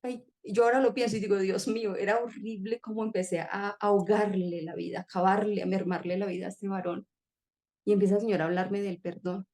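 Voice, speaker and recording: Woman guest, heartfelt testimony, soft mellow voice. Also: medium pitch, level tone, fast. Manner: emotional, earnest storytelling. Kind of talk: personal testimony in conversation.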